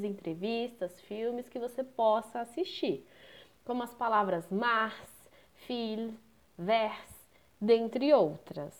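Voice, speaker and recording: A woman's voice: sits high, mellow. Brazilian woman teaching French pronunciation. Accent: Brazilian Portuguese. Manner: explanatory, asks and answers own questions. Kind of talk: pronunciation lesson.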